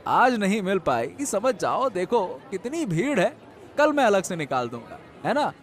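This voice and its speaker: A man voicing a cheerful, honest village fishmonger in a cartoon, loud and hawking. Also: high voice, big pitch swings, moderate pace, some chatter behind. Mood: chatty. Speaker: fish seller. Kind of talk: animated cartoon dialogue.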